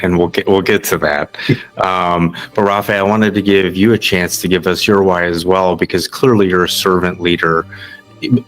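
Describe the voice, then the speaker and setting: A man's voice: low-pitched, low-quality recording. A man hosting a podcast, talking casually with self-deprecating jokes. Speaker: podcast host.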